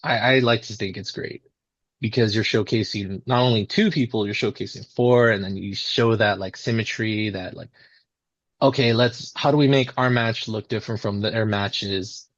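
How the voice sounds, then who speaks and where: A man's voice: on the low side, fairly even intonation, normal speed, no echo, lo-fi sound. A man chatting casually and enthusiastically in an interview, telling rambling stories and acting out little imagined quotes as he goes. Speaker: independent pro wrestler being interviewed.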